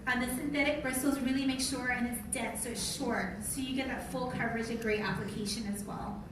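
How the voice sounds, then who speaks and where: Her voice is a little high and a little fast, with a steady tone. She's an American woman living in Utah, giving an informal live product training in a large room and putting questions to the audience, recorded on a distant mic in an echoey, noisy space.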